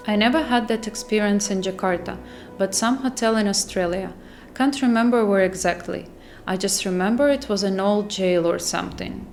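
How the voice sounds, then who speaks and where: A woman who worked as a flight attendant, telling spooky hotel stories in a casual, animated way and laughing at herself. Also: medium pitch. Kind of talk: casual storytelling to camera.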